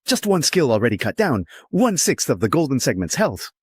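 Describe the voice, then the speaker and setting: A man voicing a panicked, awestruck young fighter, speaking higher and with excitement, in a slightly husky tone. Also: a little fast, no room sound, studio quality. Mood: astonished.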